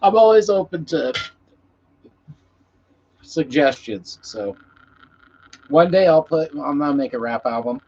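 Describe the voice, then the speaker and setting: Slightly high and darkish in tone, his animated voice moves at a measured pace with frequent pauses. He's a musician running a casual live stream, chatting and rambling loosely with viewers while swearing freely. The sound is muffled lo-fi stream audio with background noise.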